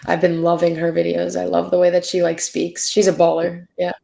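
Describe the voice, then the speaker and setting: Laid-back young woman, low flat voice. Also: brisk, gravelly. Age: 20s. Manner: laid-back, filler-heavy, upbeat. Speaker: professional soccer player, guest. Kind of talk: casual interview chat.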